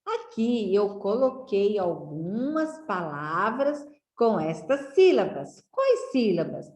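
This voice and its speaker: A Brazilian woman teaching young children to read, drilling syllables slowly and asking them friendly questions. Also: mid-range voice, sing-song, a little mellow. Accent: Brazilian Portuguese. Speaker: literacy teacher. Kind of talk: slow, clearly enunciated lesson for young children. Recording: echoey room.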